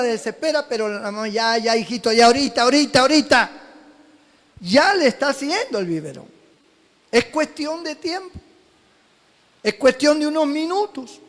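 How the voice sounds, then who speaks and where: A pastor from Peru preaching a sermon, telling stories with animated swings from shouts to hushed asides. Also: male voice, very high voice. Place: church.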